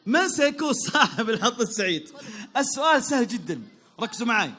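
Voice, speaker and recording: A Saudi man runs a crowd quiz in a very high, bouncy voice that swings all over the place. He is upbeat and teasing, heaping praise on players and calling out to the audience. His tone is bright and sharp. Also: big pitch swings, quick pace. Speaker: quiz host at a public event. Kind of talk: lively crowd quiz hosting.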